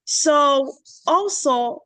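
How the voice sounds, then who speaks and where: A Haitian woman in her thirties, slightly under the weather, earnestly tells her story on a video call as a founder pitching her coffee brand from a small indoor room. Her high voice is animated, pushed, and bright, drawing out words. The audio is poor, with no room sound.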